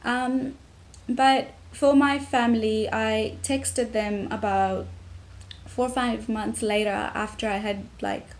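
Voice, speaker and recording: A young woman from Tanzania, talking to camera about her family in a reflective way, with many pauses and restarts. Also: a little high, fairly even intonation. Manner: reflective, frequent ums and restarts. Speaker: vlogger. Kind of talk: personal talk to camera.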